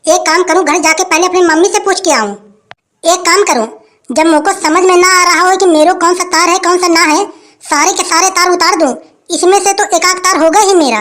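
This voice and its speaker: A scheming young village man fusses aloud, as a woman acts him out. The voice is strikingly high-pitched, and he rambles in a frantic way. This is a comic village sketch. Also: brisk, a bit bright.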